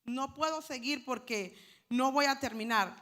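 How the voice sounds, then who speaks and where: A woman preacher delivers a sermon, calling her listeners brothers as she teaches. Her voice is bright and fairly high. It rings with long reverb in a church hall. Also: unhurried. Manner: addresses congregation as brothers, teaching Hebrew words.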